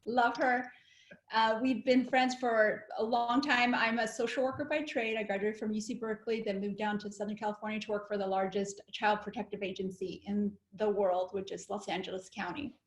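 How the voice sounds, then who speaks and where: A woman's voice: mid-range voice, flat delivery, normal speed. A woman who works as a social worker, introducing herself on a webinar over a video call in a friendly, conversational way. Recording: echoey room on a video call.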